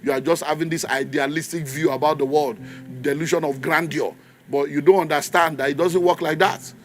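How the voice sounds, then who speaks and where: Faint music plays behind a man in his fifties with a Nigerian accent as he preaches in church. His fairly high-pitched voice runs a little fast with fairly even intonation, and he leads call and response with the congregation, emphasizing and repeating key phrases.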